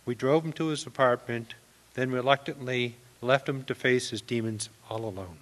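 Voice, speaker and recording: A man performing a personal monologue as a father, in a grave, measured way. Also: medium pitch, fairly bright tone. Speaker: father giving a stage monologue. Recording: reverberant hall.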